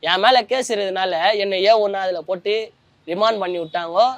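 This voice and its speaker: A man's voice: high voice, brisk, dry recording, dull audio. A young man, giving a colloquial personal account as a former prisoner, often trailing off as he searches for words. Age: young adult.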